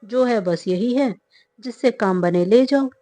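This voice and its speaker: A woman's voice: on the high side, a little slow, warm tone, no echo, lightly acted. A woman voicing a plain-spoken male gardener who is firm on his price and talks matter-of-factly.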